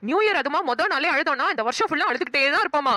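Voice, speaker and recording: A woman's voice: sits high, animated, racing, sharp tone, slight background noise. A woman with a Namakkal Tamil accent voicing a bossy, scolding friend in a cartoon. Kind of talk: cartoon voice acting.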